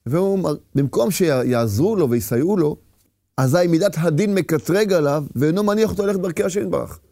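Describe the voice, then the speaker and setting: A man's voice: a little high, animated, mellow, dry recording, studio quality. A man giving a Torah lecture with passion, firing rhetorical questions and acting out inner voices. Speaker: religious teacher.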